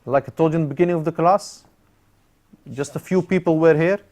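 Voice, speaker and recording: A man's voice: a little high, fairly quick, darkish tone. A man teaching an Arabic grammar class, explaining step by step with frequent "uh" fillers and Arabic terms mixed in. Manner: explains step by step, repeating key words.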